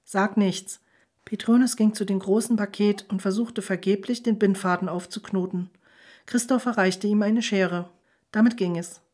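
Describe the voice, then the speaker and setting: A woman reads a novel aloud as an audiobook. Her voice sits at an ordinary height and she keeps a steady, even pace of narration. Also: medium pitch. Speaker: audiobook reader. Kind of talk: scripted narration.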